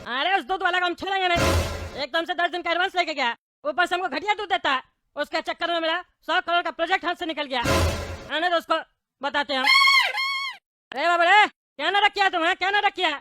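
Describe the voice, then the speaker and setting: A woman in a comic sketch, loudly scolding and shouting. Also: very high-pitched, a little fast, over loud music. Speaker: comedy sketch actor.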